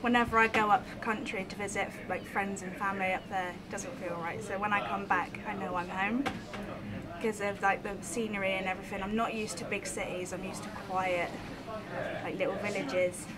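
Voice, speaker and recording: A young woman, speaking softly and casually in a documentary interview. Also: mid-range voice, fairly even intonation, normal speed. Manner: soft-spoken, casual with "like". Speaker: village resident. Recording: loud crowd noise behind.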